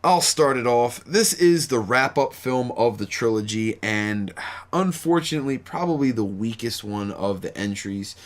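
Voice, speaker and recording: A man's voice: mid-range voice, expressive, normal speed. Tired, profane male podcast host. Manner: profane, loose and rambling. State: tired late at night. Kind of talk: casual podcast chat.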